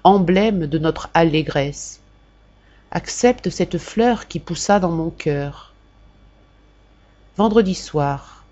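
A woman reading a classic novel aloud for a volunteer audiobook, in a measured, expressive first-person narration. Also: fairly low pitch, lo-fi sound.

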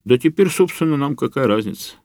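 A calm and kindly older professor in an audiobook, as a male narrator voices him. His speech is measured and explanatory, gentle rather than sharp. The sound is close and dry. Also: medium pitch, dry recording, pitched above the performer's own voice, lightly acted.

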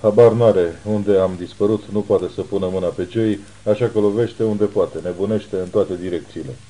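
A man gives a lightly acted, audiobook-like reading as a calm private detective whose deep, very dark voice stays low, measured and unhurried, reassuring others as a steady protector would. The mood is grave, and the recording is of low quality.

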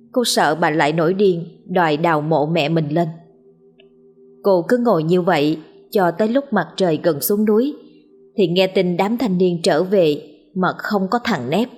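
A woman narrating a horror story in a steady, grave manner. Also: lowish voice.

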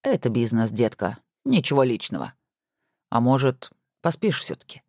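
A woman's voice: a bass voice, very animated, normal speed, a little mellow, no room sound, pitched below the performer's own voice, heavily acted. Woman putting on a smug teasing husband. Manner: dry mock-pompous teasing. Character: teasing, self-important rich husband.

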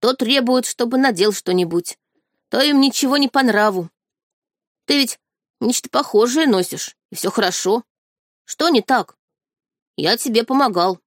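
A woman reading an audiobook, voicing a magical tiger cub in a small boy's form who speaks in a flat, indifferent way and keeps demanding food. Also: fairly high pitch, normal speed, long pauses, no echo, clean studio sound, pitched above the performer's own voice, close to an everyday voice. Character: magical tiger-cub beast as a small boy, blunt, always hungry.

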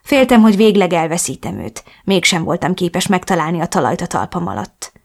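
A woman's voice: fairly low pitch, expressive, creaky. A woman reading a first-person novel as an audiobook, with a melancholic and emotional storytelling manner. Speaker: audiobook narrator.

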